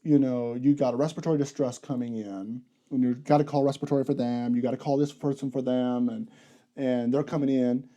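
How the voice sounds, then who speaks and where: The muffled recording captures a young man's mid-range voice at a fairly quick pace. As a podcast guest who coordinates a health unit in the emergency room, he chats casually about that job, rambling, fixing his own words, and recounting stories with animation.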